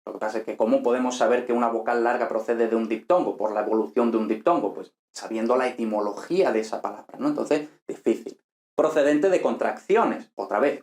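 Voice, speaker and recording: A man gives a recorded lesson in a relaxed explanatory way, pausing often to check that his students follow. His voice sits in a middle register. The room around him adds a noticeable echo. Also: medium pitch. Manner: explanatory, frequent "¿vale?" and "¿no?" checks. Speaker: Latin teacher. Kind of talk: online lecture.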